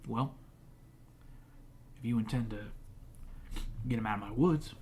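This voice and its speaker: A man voicing a gruff, weathered woodsman in a tabletop game, speaking curtly in a hushed, breathy voice. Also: medium pitch, measured pace, lightly acted. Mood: gruff, grudging. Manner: curt, folksy backwoods talk with swearing. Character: gruff, lean, weathered woodsman hostile to goblins. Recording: noisy room recording.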